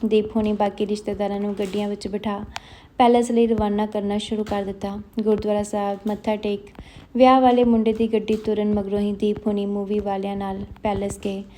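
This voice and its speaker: Woman reading a story in a flat, mellow voice. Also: mid-range voice, a little fast, a little hiss or hum, poor audio.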